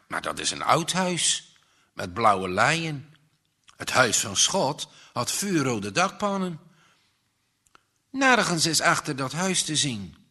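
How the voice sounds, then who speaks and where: A man reading a story aloud in a dramatic way, swelling loudly at the tense moments. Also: mid-range voice.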